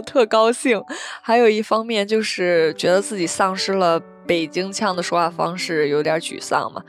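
A young woman from Beijing hosting a solo podcast, telling stories in a chatty way and acting out the voices she quotes. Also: medium pitch. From Beijing, China. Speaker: podcast host.

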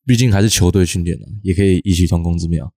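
一个带台湾口音的年轻男子，以轻松闲聊的方式，快速生动地讲述自己当排球教练的经历。. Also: male voice, low voice, no echo, clean studio sound. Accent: Taiwanese Mandarin. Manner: fast storytelling, animated quoted scolding. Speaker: podcast co-host, youth volleyball coach. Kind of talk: casual chat.

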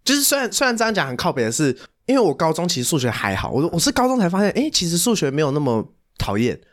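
Rapid-fire animated young man, Taiwanese accent. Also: on the high side. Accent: Taiwanese Mandarin. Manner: animated storytelling, heavy slang and swearing. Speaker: podcast co-host. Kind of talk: casual chat.

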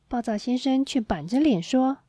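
A woman storyteller reading a children's story aloud in a gentle, expressive way, on a close mic. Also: high voice, normal speed, dry recording.

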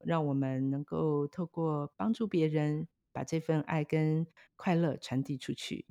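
Woman, foundation director, measured, soft "ha" tags, dry. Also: deep voice, fairly even intonation, dry recording, highs cut off. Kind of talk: podcast interview.

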